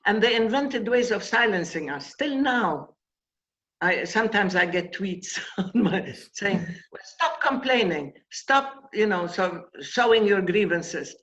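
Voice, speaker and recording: A woman's voice: mid-range voice, lively intonation, a little slow, fairly bright tone, highs cut off. An older woman from Palestine, speaking as an interview guest in an emphatic, impassioned way. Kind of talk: interview conversation.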